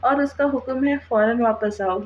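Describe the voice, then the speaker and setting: A woman's voice: fairly high pitch, normal speed, muffled recording, slight background noise, natural voice. A woman voicing a friendly, teasing brother-in-law in a storybook reading, easygoing.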